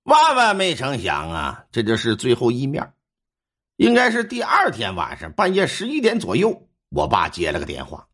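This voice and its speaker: A man telling a ghost story in a colloquial, animated way. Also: medium pitch, moderate pace, slightly rough.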